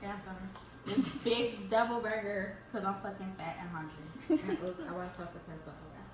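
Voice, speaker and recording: A woman's voice: medium pitch, animated, fairly quick. A woman guesting on a casual eating chat, blunt and joking, swearing offhandedly. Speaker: guest friend. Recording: echoey room with background noise.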